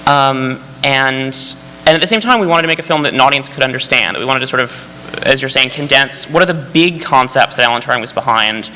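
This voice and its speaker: A male screenwriter talks eagerly on a festival panel and rambles through fillers and restarts. His voice is bright and forward. A long hall reverb and a faint hum surround him. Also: medium pitch, brisk. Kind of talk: panel discussion.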